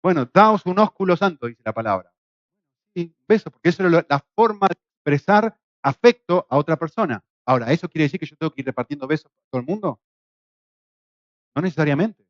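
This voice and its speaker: Middle-aged Argentine-accented male teacher, fairly high voice, dry and slightly muffled lecture sound. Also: fairly quick, no room sound. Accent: Argentine Spanish. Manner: lively, acts out quoted voices with shouts and jokes. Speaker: Bible course teacher. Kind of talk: classroom lecture. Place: classroom in Spain.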